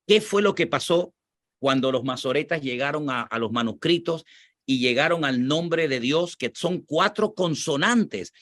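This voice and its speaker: A man's voice: fairly high pitch, animated, measured pace, fairly bright tone, no echo, studio quality. A man from Spain with a Spanish accent, a pastor explaining scripture and answering questions in a teaching tone, repeating his points for emphasis.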